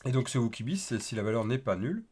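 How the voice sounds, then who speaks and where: A man's voice: mid-range voice, very animated, fast, a little mellow, husky. A man teaching a casual live coding tutorial, chatty and thinking aloud with many fillers as he types. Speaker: developer teaching a coding livestream.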